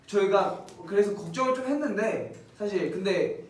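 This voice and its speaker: A man's voice: high-pitched, animated, moderate pace. A young man hosting a casual group chat, leading and prompting the others. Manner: chatty, leads and prompts the others. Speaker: host of the group live stream. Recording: echoey room, far from mic.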